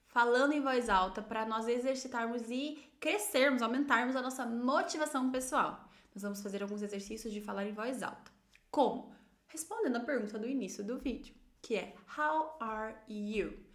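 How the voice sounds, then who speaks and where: A woman's voice: fairly high pitch, a bit bright, echoey room. Encouraging Brazilian woman English teacher. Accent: Brazilian Portuguese. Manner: encouraging, slow drawn-out English example phrases. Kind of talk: online English lesson.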